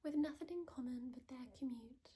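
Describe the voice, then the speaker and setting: A woman in an ASMR role-play as a gentle, helpful librarian, speaking in a soft, unhurried library soft voice. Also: high-pitched. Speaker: ASMR creator playing a librarian.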